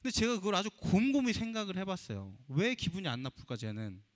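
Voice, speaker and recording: A man's voice: high voice, lively intonation, fast. A pastor preaching a sermon to his congregation, asking them rhetorical questions as he goes. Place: church sanctuary. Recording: long reverb of a church hall.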